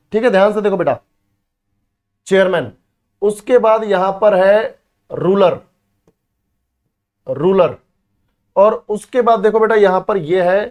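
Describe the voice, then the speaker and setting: Male coaching teacher, higher-pitched voice, drills terms by repetition, quizzes his students and answers his own questions. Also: a little mellow. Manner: repeats key words for drilling, calls students beta and bhai; asks students questions then answers himself. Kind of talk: exam-prep history lesson.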